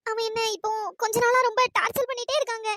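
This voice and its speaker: Cartoon role: timid college girl, very high voice, fast and pleading, acted by a voice performer. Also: little pitch movement, bright, forceful tone, no room sound, clean studio sound. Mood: tearful. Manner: polite, thanking and pleading. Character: young college woman, tearful and frightened. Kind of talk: cartoon voice acting.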